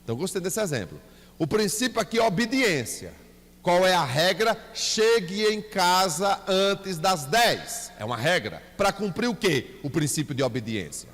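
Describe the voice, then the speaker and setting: A man's voice: a little high, a little fast, slightly rough. A man with a Bahian Portuguese accent teaching a Bible class, asking the class questions and acting out little scenes. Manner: lively, asks the class questions, acts out scenes with his son. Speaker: church teacher. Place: church hall. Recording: reverberant church hall.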